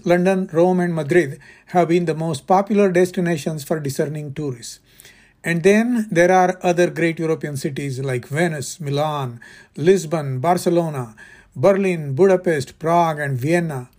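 A man hosting a travel podcast, reading scripted narration in a measured, deliberate way. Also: fairly high pitch. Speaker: podcast host.

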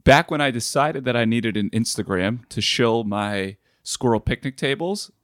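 A man's voice: mid-range voice, expressive, moderate pace, no echo. A man who is a woodworker, a guest on a podcast, telling stories with dry, wry humor. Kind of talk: casual interview chat.

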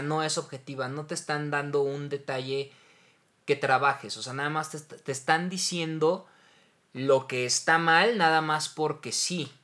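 A man, a voice actor, talking in a measured, reflective way with frequent fillers in a casual chat. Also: fairly high pitch, bright, forceful tone.

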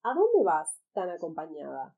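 A woman's voice: deep voice, wildly swooping pitch, unhurried, distant mic, phone-quality sound, pitched below the performer's own voice, full character voice. A woman voicing a curious, helpful mother hen who talks in a chatty, obliging way in a read-aloud storybook.

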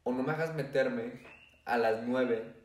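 A man's voice: mid-range voice, a little slow, reverberant, recorded from a distance. A young man chatting casually with a friend, giving short laid-back replies. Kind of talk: casual chat.

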